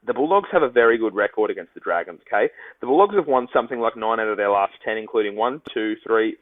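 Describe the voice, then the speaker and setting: A young man rattles off his tips at a rapid clip, much like an auctioneer. His voice sits a little low, and it comes through a dry, narrow, phone-like line. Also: dry recording. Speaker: podcast host, sports tipster. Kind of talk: solo betting podcast talk.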